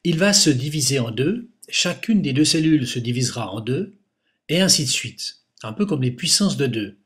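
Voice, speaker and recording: A man narrating a nature documentary, explaining things in an unhurried way and speaking directly to the listener. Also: medium pitch, expressive, fairly bright tone. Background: music.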